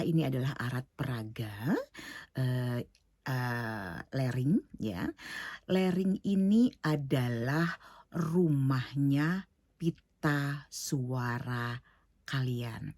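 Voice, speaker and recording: A middle-aged woman teaching an online singing lesson, explaining slowly with many fillers and English words mixed in. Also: very deep voice, big pitch swings, darkish tone, no echo, clean studio sound.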